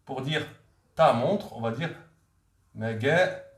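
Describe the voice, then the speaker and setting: A man's voice: mid-range voice, expressive, moderate pace. A man teaching a vocabulary lesson, repeating each word several times so learners can follow. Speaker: language teacher. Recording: echoey room.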